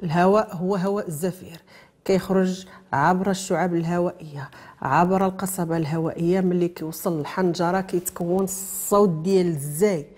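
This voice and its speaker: A woman's voice: fairly low pitch, steady tone, fairly quick, darkish tone, husky. A woman with a Moroccan accent teaching a lesson on how a letter is pronounced, asking questions and then answering them herself, mixing formal terms with everyday speech. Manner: explains step by step, asks and answers her own questions. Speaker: tajweed teacher.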